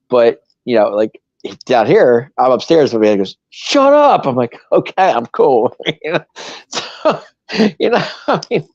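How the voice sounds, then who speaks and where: Lively, stammering male co-host on a dull line. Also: mid-range voice, no echo. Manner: laughs easily, halting and stammering. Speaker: podcast co-host. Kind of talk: casual sports chat. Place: home. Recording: dull, dry, lo-fi sound.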